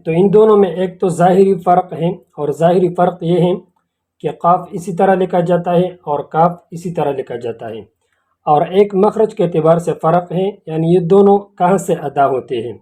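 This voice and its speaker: A man teaching Quran recitation in a slow, patient lesson, repeating key words and phrases. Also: high voice, mellow. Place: academy channel video lesson.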